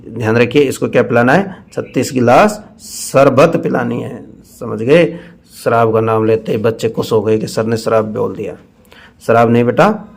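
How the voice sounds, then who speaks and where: A male teacher, giving a mnemonic lesson and asking students questions, then slowly drawing out the answers himself. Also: medium pitch, gravelly, a little mellow. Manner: call-and-response questioning, drawn-out repeated answers.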